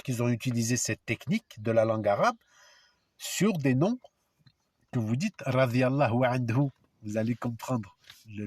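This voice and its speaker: Addressing his audience directly, a man delivers an informal spoken lesson as a video lecturer, going through letters and sounds individually. He's emphatic and provocative, with a husky, mid-range voice in a dry recording.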